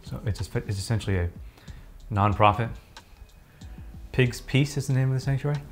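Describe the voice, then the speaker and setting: A man casually reviewing and tasting food on camera, chatty and relaxed, sometimes talking with his mouth full. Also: mid-range voice, normal speed. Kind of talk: casual food taste-test vlog.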